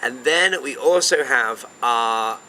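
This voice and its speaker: Man, upbeat cruise director, forceful bright tone, mid pitch, enthusiastic interview chat, faint background rumble. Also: takes it slowly, low-quality recording. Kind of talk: casual interview answers.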